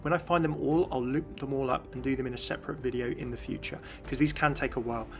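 In a game lore video, a male host delivers scripted voice-over commentary on voice lines, chatty and enthusiastic. He speaks fast at medium pitch in a steady tone, with faint music behind him.

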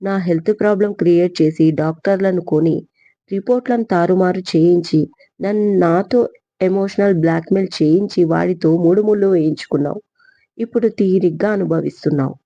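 Woman voicing a stern scolding mother, gravelly, dark, reproachful, storybook reading. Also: on the low side, fairly quick, dry recording, dull audio. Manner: reproachful, warning.

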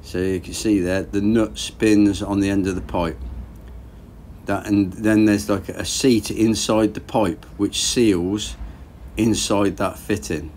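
Slow and fairly low in pitch, the voice belongs to a man in his thirties rebuilding a boat engine in his garage. He narrates casually, thinking aloud with a relaxed, no-frills manner, over slight background noise.

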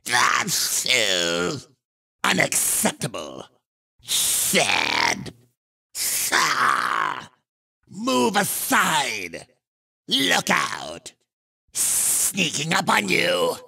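A man voicing a sly, gloating cartoon komodo dragon in a kart racing video game, gravelly, theatrical and taunting. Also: a little high, huge pitch swings, very slow, long pauses, pushed and bright, exaggerated voice. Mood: indignant, then frantic shouting. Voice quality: gravelly, creaky. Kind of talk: exaggerated video game character barks.

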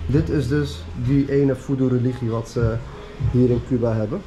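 A young man excitedly narrating a walking tour of a street to his viewers, filmed on a handheld action camera outdoors. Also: mid-range voice, normal speed, over music. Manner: enthusiastic, chatty, addresses viewers directly. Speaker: vlogger, tour guide. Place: outdoor narrow city street with murals, walking.

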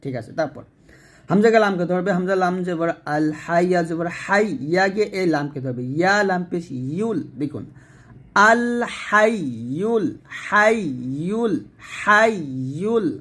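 Male recitation teacher, slightly high voice, patient letter-by-letter explanations and slow drawn-out recitation. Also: fairly bright tone. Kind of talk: Quran recitation lesson.

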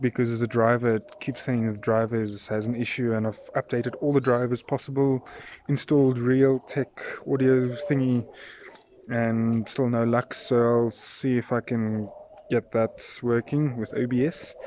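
A man's voice: mid-range voice, a little mellow, slight background noise. A young man in his twenties with a South African accent, chatting casually and rambling with many fillers in an outdoor daily vlog filmed on a phone held at arm's length. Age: 20s. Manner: rambling, filler-heavy and friendly. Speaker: vlogger. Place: outdoors in a residential yard. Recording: slightly dull phone recording.

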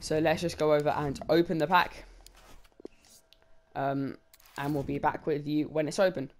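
A man giving lively, bantering commentary while opening game packs. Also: a little high, moderate pace, a little hiss or hum. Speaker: gaming channel co-host. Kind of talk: casual pack-opening commentary.

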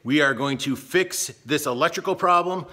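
A homestead vlogger in his thirties, with a fairly high, sharp voice at a moderate pace, films himself on a handheld camera held at arm's length inside a large metal barn. Hot and sweaty, he chats casually while building things and jokes about his own skills in this DIY vlog, with slight background noise.

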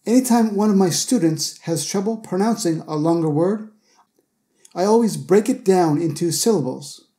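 Mellow man teaching English pronunciation. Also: high voice, animated. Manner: slow, careful enunciation of example words. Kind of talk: scripted pronunciation lesson.

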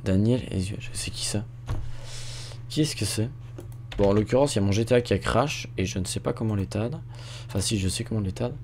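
A teenage male streamer chatting casually and crudely on a live stream with a friend, animated and prone to laughter. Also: lowish voice, fairly quick, pauses often, a little hiss or hum.

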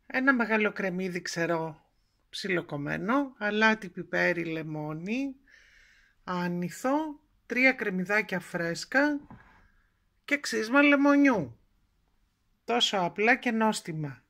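A woman's voice: medium pitch, expressive, long pauses, a bit bright. Chatty woman cooking at home. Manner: homely, chatty, explaining each step. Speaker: home cook presenting a recipe. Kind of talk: cooking tutorial narration. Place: home kitchen at the stove.

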